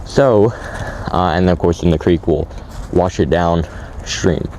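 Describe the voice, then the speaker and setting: A man's voice: sits low, slow, warm tone, a little hiss or hum. A man vlogging outdoors by a creek in casual, rambling talk with lots of fillers, shivering from the cold so his voice cracks. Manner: rambling, many fillers and restarts. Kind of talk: casual vlog narration.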